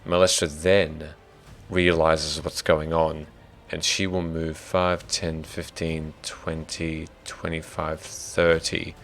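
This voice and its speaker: Gravelly deep Australian dungeon master. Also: male voice, little pitch movement, takes it slowly, soft background music. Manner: thinks out loud, mutters to himself while setting up. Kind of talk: narrating a tabletop game.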